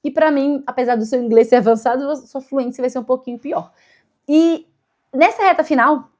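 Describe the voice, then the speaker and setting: A Brazilian woman talking casually to camera about learning English, thinking aloud as she explains step by step. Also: a little high. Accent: Brazilian Portuguese.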